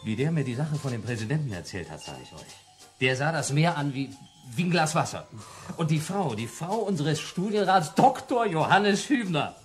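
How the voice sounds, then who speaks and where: In a German radio play, a young adult actor portrays a cheeky schoolboy eagerly telling his friends about a wild adventure, laughing and mimicking voices in an amused storytelling mood. His voice is fairly high, animated and close to everyday speech, at a normal speed, with faint music in the background.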